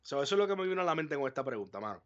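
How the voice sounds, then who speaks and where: A man co-hosting a live podcast, animated and profane, acting out his reactions. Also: a little high, racing, dull audio. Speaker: podcast co-host. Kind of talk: casual live podcast chat.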